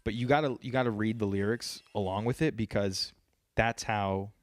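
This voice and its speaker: Low-voiced man rambling casually, profane. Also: steady tone, normal speed, no echo, clean studio sound. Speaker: podcast host. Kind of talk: casual podcast chat.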